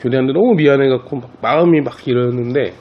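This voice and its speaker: A man gives a children's catechism class as their priest, easing into a story and speaking straight to the kids. His voice sits at an ordinary pitch for a man. The recording sounds a little dull and lo-fi. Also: quick pace. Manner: relaxed storytelling, talks directly to the children.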